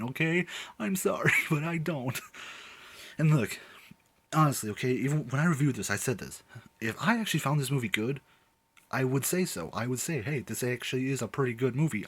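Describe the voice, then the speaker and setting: A young man with a husky, slightly rough voice delivers a casual movie rant straight to camera. He sounds exasperated and emphatic, circling back to repeat his points and laughing between them. His pitch sits in an ordinary middle range. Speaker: movie reviewer. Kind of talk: casual ranting review to camera.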